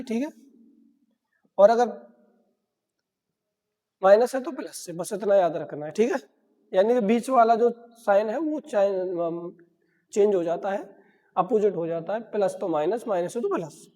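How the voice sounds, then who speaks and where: A man teaching math to a class, his voice mellow and dark in tone. He keeps asking the room "what?" and answering himself, stressing each key word. The sound rings with a long reverb from the classroom around him. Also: high-pitched. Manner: repeats key words as questions to the class. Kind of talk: classroom lecture.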